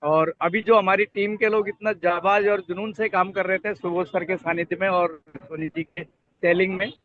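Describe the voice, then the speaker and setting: A man's voice: sits high, steady tone, moderate pace. A senior team leader, a man, giving brief, gracious and thankful remarks over a call. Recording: tinny phone-like call line.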